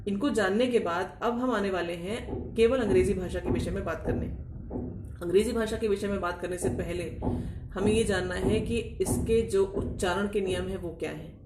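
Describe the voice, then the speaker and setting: A woman's voice: medium pitch, normal speed, far from the mic, noisy background. A woman teaching English pronunciation in a video lecture, explaining patiently and asking back key words before repeating them. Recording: echoey room, voice off-mic.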